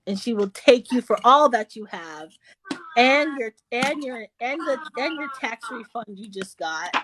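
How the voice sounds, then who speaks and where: Animated woman telling kid stories. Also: fairly high pitch, measured pace, slight background noise. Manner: animated storyteller, acts out her kids with squeals. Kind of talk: casual chat.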